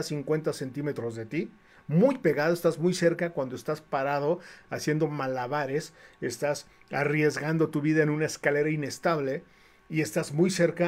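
A middle-aged man with a Mexican accent, casually telling a story on his livestream in a lively, animated way, often restarting his phrases. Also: fairly high pitch. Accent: Mexican Spanish. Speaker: comic artist and livestream host.

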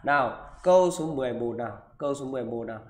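A man's voice: medium pitch, expressive, racing. A man teaching physics, talking students through exam questions in a live online class and checking in with them after almost every sentence. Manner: keeps asking "được chưa?" and "đúng không?".

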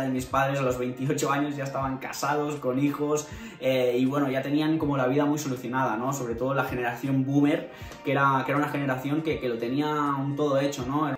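A man's voice: mid-range voice, recorded from a distance. A man in his twenties from Spain talking casually to the camera in his bedroom, with many fillers and tag questions. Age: 20s. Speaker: vlogger. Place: bedroom indoors. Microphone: camera at desk distance. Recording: roomy bedroom, voice a bit off-mic, faint music.

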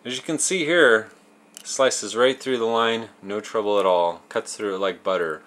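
A man in his thirties hosts a fishing tips show, narrating a how-to step by step in plain, folksy language. His voice is fairly low and fairly bright, and he speaks at normal speed.

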